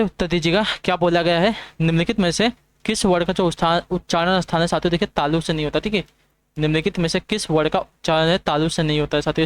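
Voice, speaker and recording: A young man runs an online exam prep class at a brisk clip. His voice sits a little high and comes through smooth and crisp, and he keeps checking in with his students as he works through each question. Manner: fast, repetitive checking-in with students.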